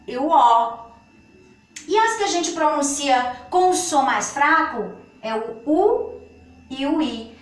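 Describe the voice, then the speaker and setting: A woman with a Brazilian Portuguese accent teaching a children's grammar lesson, speaking slowly and patiently and stretching out her words. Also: sits high, fairly bright tone. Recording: echoey room, far from the mic.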